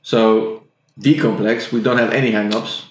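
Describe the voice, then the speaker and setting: A man co-hosting a podcast, chatting casually and playfully in quick bursts. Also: fairly low pitch, steady tone. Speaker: podcast co-host. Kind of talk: casual chat. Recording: echoey room, faint noise.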